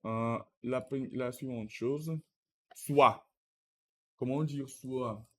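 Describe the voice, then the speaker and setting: A man with a Russian accent in French, practising the language by repeating example sentences in a halting way. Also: medium pitch, steady tone, sharp tone. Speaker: French learner practising with a partner.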